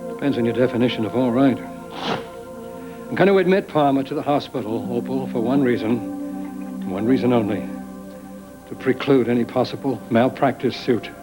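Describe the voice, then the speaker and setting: An actor playing a stern, exasperated family doctor in a 1990s soap opera, with a brisk, clipped manner. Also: male voice, medium pitch, over music, close to an everyday voice, poor audio. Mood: clinical.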